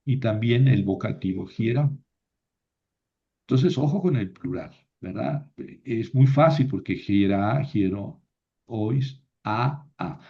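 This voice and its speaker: A man teaching a grammar class in a medium-pitched voice. He patiently repeats each word form aloud and poses questions to his listeners before answering them himself. The recording sounds a little dull and lo-fi. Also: gravelly. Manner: patient, repeats declension forms aloud, asks rhetorical questions. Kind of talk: classroom lecture.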